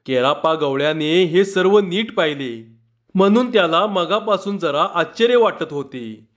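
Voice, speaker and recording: A man reading a humorous short story aloud in a slow, measured storytelling manner. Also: a little high, expressive, a bit bright. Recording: dull lo-fi recording.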